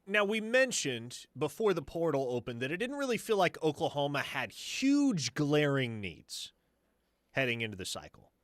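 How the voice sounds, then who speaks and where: A man co-hosting a sports radio show, talking in an animated, emphatic way with a lively, swooping pitch. His delivery is wordy and energetic. The studio sound is dry and close. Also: normal speed, no echo.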